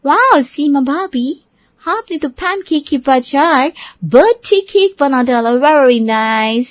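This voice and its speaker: A fashionable, teasing young sister-in-law from a cartoon family story, voiced by a woman. She talks in a very high, bright voice and sneers while throwing in English words. The recording is close and dry. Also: lively intonation, takes it slowly, no room sound, dull audio. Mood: mocking. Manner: mocking, sprinkles English phrases.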